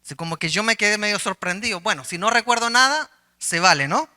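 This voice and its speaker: A man's voice: high voice, expressive, quick pace, sharp tone. A middle-aged man, a pastor giving a conversational sermon, telling a personal story with humor and questions to his listeners.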